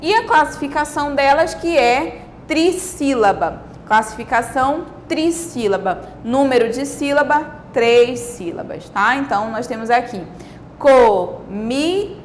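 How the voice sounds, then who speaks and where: Brazilian woman, primary teacher, video lesson; patient and drawn-out, slightly high pitch, faint background noise. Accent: Brazilian Portuguese. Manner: patient, slowly stretches out example words, frequent "né?" and "tá?" checks. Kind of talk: recorded grammar video lesson.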